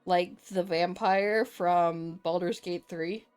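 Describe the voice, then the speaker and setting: A woman's voice: on the low side, fairly even intonation, takes it slowly, a little mellow, clean tone, faint music behind. A woman streamer chatting casually with her viewers, reading chat aloud, joking and laughing often.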